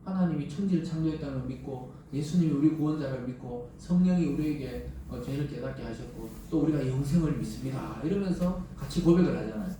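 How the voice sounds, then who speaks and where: A middle-aged male pastor from the Gyeongsang region with a Gyeongsang accent, preaching a sermon in a conversational, lively way full of rhetorical questions. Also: mid-range voice, fast, hardly any pauses, slight background noise. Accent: Gyeongsang Korean. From Gyeongsang region of Korea. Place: large church sanctuary. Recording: very echoey church hall from a distance.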